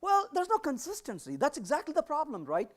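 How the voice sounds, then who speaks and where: Addressing developers in a conference talk, this woman has a high voice with huge pitch swings and a fairly quick pace. She poses questions to the audience and acts out brief dialogues.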